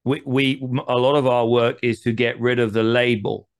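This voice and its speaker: A man hosts a conversational interview at a mid-range pitch. He builds long, winding questions and keeps adding asides before he gets to the point. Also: flat delivery, normal speed, clear, resonant tone. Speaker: host.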